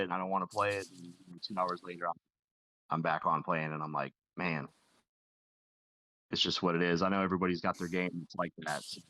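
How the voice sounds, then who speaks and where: A man's voice: low voice, pushed and bright, poor audio. A man in his thirties talking casually as a podcast guest, rambling with many fillers. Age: 30s. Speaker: guest streamer.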